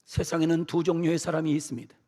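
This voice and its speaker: A middle-aged man, a pastor preaching a sermon, dramatically acting out quotes with shouted outbursts and slow, pleading phrases. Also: on the high side, little pitch movement. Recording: church sermon with long hall reverb.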